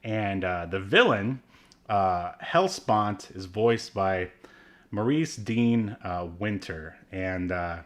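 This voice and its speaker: This podcast co-host talks slowly but animatedly in a fairly low voice. The conversation is casual and meandering, full of fillers and small laughs.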